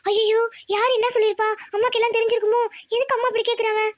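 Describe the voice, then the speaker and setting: A woman's voice: very high voice, flat delivery, rapid-fire. A woman voicing a nervous, evasive young daughter. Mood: pleading. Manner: pleading, evasive, stammering. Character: nervous young daughter hiding a secret romance.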